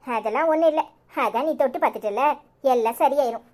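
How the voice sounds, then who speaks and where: A woman's voice: high-pitched, fast, a little mellow, close to an everyday voice. A woman voicing a jealous young wife in a cartoon comedy, with a Tirunelveli Tamil accent. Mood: confessing. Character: jealous young wife Anitha, feverish and pleading. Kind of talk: village cartoon drama.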